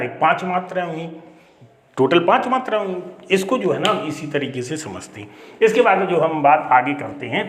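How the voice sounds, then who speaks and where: A man's voice: a little high, a bit bright, echoey room. A male Hindi teacher giving a classroom grammar lecture, explaining step by step and asking and answering his own questions. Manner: explanatory, repeats key points, asks and answers own questions.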